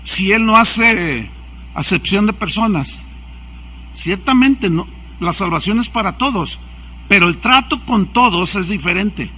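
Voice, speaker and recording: Male pastor, high bright voice, storytelling sermon style. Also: expressive, a little slow, slightly rough. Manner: anecdotal, acts out quoted dialogue.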